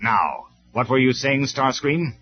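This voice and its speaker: A narrator voicing a stern, commanding male robot leader in a cassette story, speaking in measured, forceful tones. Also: mid-range voice, lively intonation, voice pushed up. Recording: dull lo-fi cassette recording.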